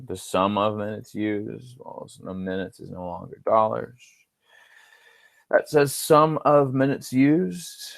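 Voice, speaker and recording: Male instructor, low voice, dry close sound, casual screen-recorded homework walkthrough, thinks aloud with offhand jokes. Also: creaky, dry recording.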